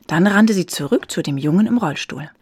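A woman narrating a children's story in an expressive, soft storytelling manner. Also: on the low side, brisk, slightly rough, no room sound.

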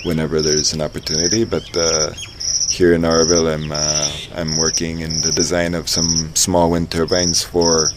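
Interviewee: very low-voiced man from Ecuador, thoughtful, lots of "uh", loud crickets around. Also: completely flat delivery, normal speed, hardly any pauses. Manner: thoughtful, many fillers and restarts. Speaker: interviewee, engineer and dance teacher. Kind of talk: casual interview. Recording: outdoor noise with loud crickets. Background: loud crickets and insects.

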